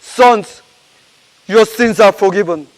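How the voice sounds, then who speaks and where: A calm, gentle savior, as a preacher voices him, speaking in slow, solemn words. The voice drops lower than the preacher's own, though it stays fairly high for a man. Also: big-room sound.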